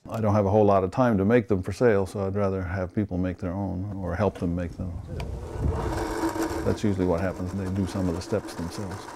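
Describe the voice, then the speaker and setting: A man from Sweden who builds instruments, explaining his work in an interview in an unhurried way with fillers. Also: sits low, little pitch movement, a crowd in the background. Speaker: instrument maker.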